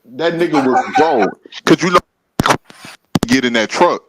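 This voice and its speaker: A man casually telling stories about his trucking work, animated and getting loud when he acts out confrontations. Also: medium pitch, unhurried, heavy background noise. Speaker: podcast co-host. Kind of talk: casual storytelling.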